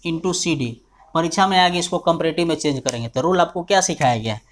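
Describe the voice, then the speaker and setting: Patient male teacher explaining grammar rules. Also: a little high. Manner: keeps asking if students understood; slows down to dictate example sentences. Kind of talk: grammar lesson explained step by step.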